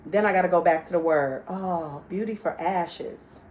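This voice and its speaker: A woman speaking in a slightly low voice, telling a lively inspirational story. She talks in a casual, conversational way, often checking in with her listeners and acting out the voices of the people she describes. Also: normal speed, slight background noise. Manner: conversational, asks "right?" often. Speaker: motivational speaker. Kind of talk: informal inspirational talk.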